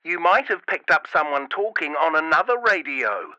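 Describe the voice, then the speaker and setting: A man's voice: on the high side, big pitch swings, moderate pace, sharp tone, no room sound, dull audio, voice pushed up, heavily acted. A man voicing a teasing mother talking over a scratchy walkie-talkie.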